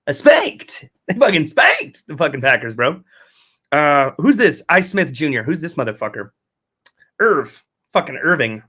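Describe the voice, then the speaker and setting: Male host, slightly high-pitched, casual solo rant, heavy swearing, rambles and backtracks. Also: fairly bright tone. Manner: profane, rambling, self-correcting. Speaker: fantasy football podcast host.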